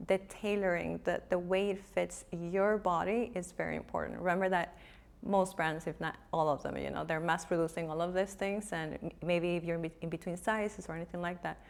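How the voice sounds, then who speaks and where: A woman with a slightly low voice gives advice as a stylist. She talks conversationally and explains things in an informal way. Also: fairly even intonation, brisk, gravelly. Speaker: fashion stylist giving advice.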